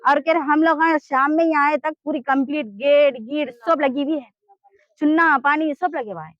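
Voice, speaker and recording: A woman with a Hyderabadi Urdu accent speaks in a high, urgent voice, pressing her complaint to a reporter with insistent, pleading force. The sound is dry and close, a little dull and lo-fi. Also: normal speed, no echo. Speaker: interviewee in a land dispute. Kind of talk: street interview complaint.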